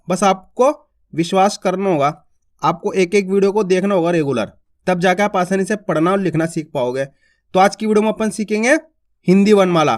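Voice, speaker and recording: A man teaching beginners to read, in a patient, colloquial way, stretching out and repeating each vowel sound. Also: high-pitched. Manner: patient, repetitive, drawn-out vowel drills; addresses viewers as friends, colloquial. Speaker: Hindi teacher. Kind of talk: beginner alphabet lesson.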